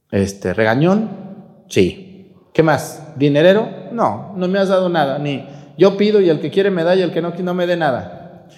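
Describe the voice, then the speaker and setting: A man's voice: fairly high pitch, darkish tone, roomy sound, long reverb tail. A man with a Mexican accent preaching a sermon during Mass. He scolds the viewers bluntly and asks many rhetorical questions. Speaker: priest.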